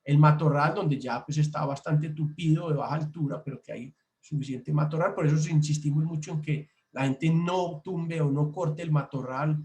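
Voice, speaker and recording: Male presenter from Colombia, fairly high voice, explanatory and repetitive, echoey room. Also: moderate pace, a little mellow. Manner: explanatory, repeats himself, hesitant restarts. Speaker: birding workshop presenter. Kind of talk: online slide presentation. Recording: roomy echo.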